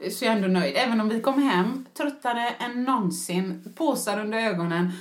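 Woman, podcast co-host, casual chat, animated storytelling, roomy echo. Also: a little high. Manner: animated storyteller, acts out quotes with laughter.

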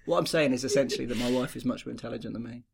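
A man's voice: mid-range voice, racing, vocal fry, crowd noise. A man on a casual tech podcast making wry, self-deprecating jokes.

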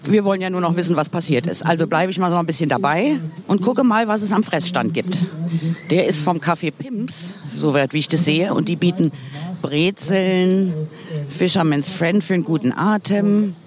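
A woman's voice: lowish voice, moderate pace, crowd noise. A woman hosting a casual street reportage, chatty and rambling with a playful way of talking. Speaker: podcast reporter and host. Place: outdoor urban public square.

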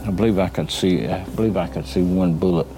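A man, recounting events in a halting, plain-spoken, folksy way. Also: sits low, over music. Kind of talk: recounting in an interview.

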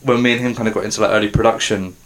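British guy w slightly low voice, talks really fast, slangy podcast chat. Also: steady tone, fairly bright tone. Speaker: podcast host. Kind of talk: casual chat.

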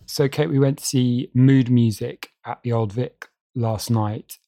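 A man's voice: mid-range voice, unhurried, over loud music. A man co-hosting a culture podcast in casual chat, hesitant, with restarts and dry asides. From England. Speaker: podcast co-host.

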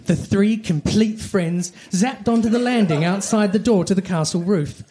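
A man reads comic fan fiction aloud like a storybook, delivering it dramatically. His voice is high-pitched and mellow at a normal speed, with faint background noise and clicks on the recording.

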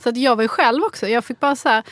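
A woman co-hosting a parenting podcast, telling stories in a lively, animated way and acting out quotes. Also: a little high, dry recording. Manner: animated storyteller, acts out quotes. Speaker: podcast co-host. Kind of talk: casual chat.

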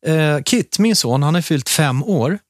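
A man's voice: a little high, animated, no room sound. Thirties male co-host, easygoing and talkative, recorded dry. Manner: chatty storyteller, many restarts. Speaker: podcast co-host. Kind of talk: casual chat.

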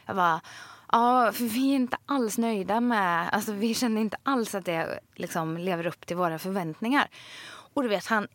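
A woman's voice: mid-range voice, no room sound. A woman co-hosting a podcast in a studio, telling a long story in a casual chat and acting out the retorts in it. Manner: lively storytelling with quoted retorts. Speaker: podcast co-host.

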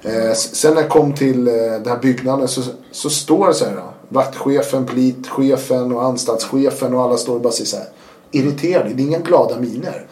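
A man, a guest telling his story in a casual interview, animated and acting out what people said. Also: mid-range voice, roomy sound. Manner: animated, acts out quotes with sudden loud bursts.

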